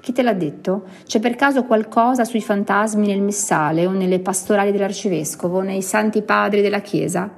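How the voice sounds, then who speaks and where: A woman's voice: on the low side, normal speed, vocal fry, warm tone, breathy edge. Woman reading a pompous village priest. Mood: grave. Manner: grave, lecturing and boastful. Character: pompous self-important male village priest.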